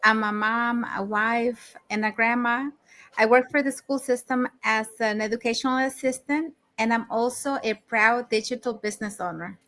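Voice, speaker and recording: Middle-aged woman from Mexico, higher voice, cheerful panel intro. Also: steady tone, moderate pace, a bit bright.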